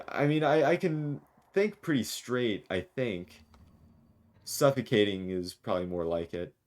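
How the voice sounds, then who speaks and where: A man streaming a video game, chatting jokily and reading the dialogue aloud. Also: medium pitch. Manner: jokey, rambling, reads lines with small voices.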